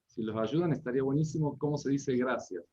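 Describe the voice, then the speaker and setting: A man from Patagonia, giving a missionary report over a video call in a joking, lively way. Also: medium pitch, quick pace, dull audio. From Argentine Patagonia.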